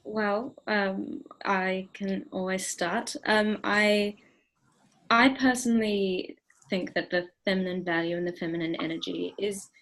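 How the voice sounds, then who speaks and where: A woman's voice: medium pitch, steady tone, measured pace, fairly bright tone, rough recording. A young woman from New Zealand, a university student, speaking on a panel with hesitant ums. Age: young adult. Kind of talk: casual panel talk.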